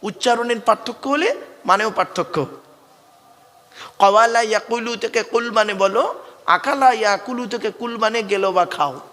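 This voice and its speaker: A man's voice: high-pitched, moderate pace, long reverb tail. A man preaching a Bengali waz sermon to a crowd, calling them "father", asking them to answer back and drilling correct Arabic pronunciation. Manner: calls the crowd "bap" and "baba", asks it to answer back; rhetorical questions, rising to shouted lines.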